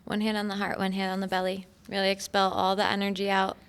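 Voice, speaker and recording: A woman co-hosting a podcast who leads a guided breathing exercise in a calm, soothing way. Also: medium pitch, fast talker, smooth. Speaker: podcast co-host. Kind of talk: guided breathing and intro narration. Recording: faint music underneath.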